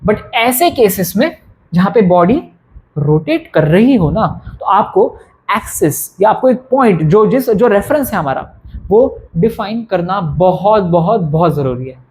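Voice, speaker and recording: A man's voice: high-pitched, a little mellow, slight background noise. A man teaching physics in an exam-prep lecture, repeating key phrases and often asking whether students are following.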